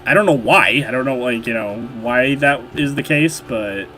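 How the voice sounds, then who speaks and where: A man with a nasal, mid-range voice hosts a livestream, chatting casually while modding and rambling with lots of fillers and restarts. He sounds animated, bright and forceful at a moderate pace. The low-quality recording carries a little hiss or hum.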